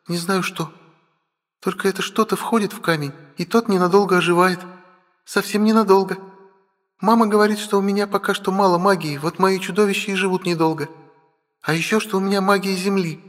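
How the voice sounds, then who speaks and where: A man voicing an emotional, impulsive young dragon girl in an audiobook, high and pleading. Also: a bit bright. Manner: high and pleading, quick to cry out. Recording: long hall reverb.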